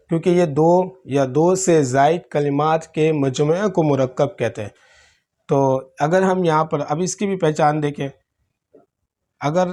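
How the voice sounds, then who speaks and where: A man teaching Arabic letters for Quran reading, explaining patiently step by step and often clearing his throat. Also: on the high side, darkish tone. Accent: Pakistani Urdu. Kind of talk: slow classroom-style letter teaching.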